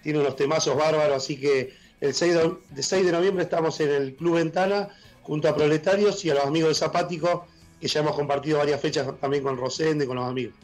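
Argentine guy with a worn husky voice, kinda high, chatting excited on a video call, soft music behind. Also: low-quality recording. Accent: Argentine Spanish. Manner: enthusiastic, halting with fillers. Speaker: blues musician guest. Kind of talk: casual radio interview. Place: room at home, joining by video call.

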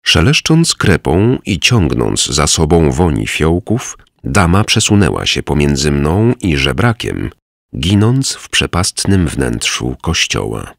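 A man reads a novel aloud in measured, descriptive narration. His voice sits extremely low and is gravelly and husky, yet his pitch moves a lot. The recording is dry and close. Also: very animated, fairly bright tone, dry recording. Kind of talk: scripted audiobook narration.

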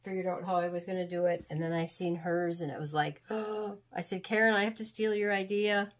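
This woman speaks in a lowish voice with a steady tone and a fairly quick pace. As host of a craft channel, she works at an indoor crafting table and talks through the steps in a rambling, homey, chatty style, sounding slightly sniffly from a cold or illness.

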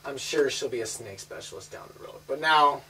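A woman with a notably low voice hosts a relaxed family video at home. She talks in an upbeat way and keeps urging the children to join in. The sound comes from a camera a few steps off, with a faint hiss underneath. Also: brisk. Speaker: host showing a family snake collection. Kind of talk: casual home video chat. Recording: distant home camera audio, light hiss.

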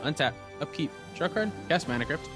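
A man's voice: fairly high pitch, animated, brisk, music in the background. A man playing a card game who calls out his plays plainly and laughs often. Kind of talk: casual gameplay chat.

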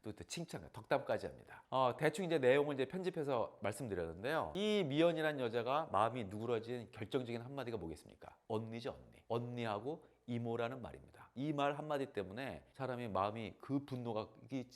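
An animated man tells stories in a lecture, pausing for effect. His pitch swings widely, and his voice sits in the middle range. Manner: animated, lively, with dramatic pauses. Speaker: speaker of a talk channel.

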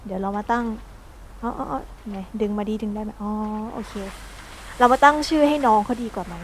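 A woman giving chatty, excitable let's-play commentary, yelping and shrieking when startled. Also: fairly high pitch, a little fast, slight background noise, rough recording. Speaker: gameplay streamer.

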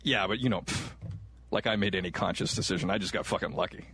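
A man's voice: low-pitched, fast, fairly bright tone, a little hiss or hum. A man co-hosting a sports talk show, bantering casually and joking around with his co-host. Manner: joking, swears freely, laughs a lot.

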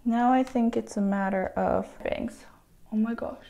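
A young woman vlogging casually while cutting her own hair, chatty and excitable, gasping and squealing in dismay and talking to herself as she goes. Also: fairly high pitch, measured pace, creaky, noisy background. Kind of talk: casual vlog talk to camera.

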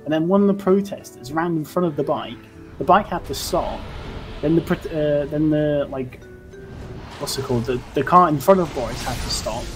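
A man's voice: fairly high pitch, normal speed, fairly bright tone. A young man on a call with a friend who is gaming, teasing him and rambling through a story. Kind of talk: casual chat with friends. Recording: game music behind the voice.

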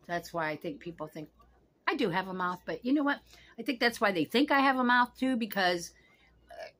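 A woman in her sixties sits on a couch in a small room at home, delivering a casual vlog monologue straight to the camera. She's blunt, frank, and cusses freely. Her mid-range voice is expressive and a bit bright, and she talks a little fast.

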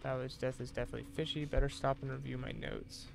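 A man casually commenting while playing a game, hesitant and often filling pauses with "um" and correcting himself. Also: mid-range voice, little pitch movement, gravelly, slight background noise. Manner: hesitant, full of ums and self-corrections. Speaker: game streamer.

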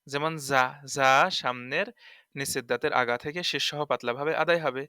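A male Quran teacher gives an online tajweed lesson in a bright, ringing voice. He explains quickly, then slows down and stresses each letter as he spells it out. The sound is dry and close, with no room echo. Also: mid-range voice, fairly even intonation, clean tone.

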